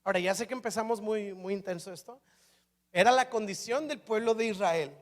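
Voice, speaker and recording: Pastor, male, very high voice, lively sermon storyteller who acts out dialogue. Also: a little fast. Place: church.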